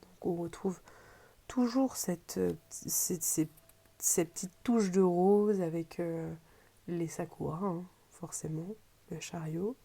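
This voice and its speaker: A woman's voice: lowish voice, steady tone, slow pace, mellow, slightly rough. A woman with a French accent casually presenting an unboxing as a reviewer, hesitant and often searching for her words. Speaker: tarot deck reviewer.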